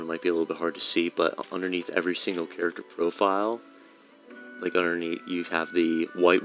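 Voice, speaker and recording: A man's voice: low voice, a bit bright. A man giving casual, rambling commentary while playing a game, often correcting himself mid-sentence. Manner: rambling, self-correcting explanations. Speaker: gameplay streamer.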